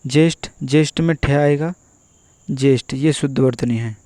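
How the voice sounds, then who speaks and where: A man teaching an exam-prep spelling lesson, going through word after word and repeating each one slowly and methodically. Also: mid-range voice, mellow, dry recording. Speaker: Hindi teacher.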